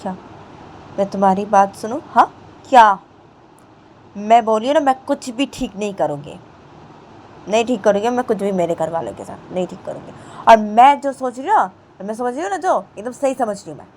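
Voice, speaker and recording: A woman's voice: deep voice, flat delivery, measured pace, creaky, pauses often, darkish tone, a little hiss or hum, poor audio. Woman doing a stubborn angry young woman. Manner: curt, snapping refusals.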